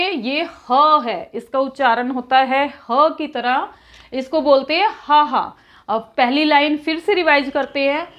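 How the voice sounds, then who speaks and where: A woman teaching children an alphabet lesson, patiently repeating each letter so they can follow along. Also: high-pitched.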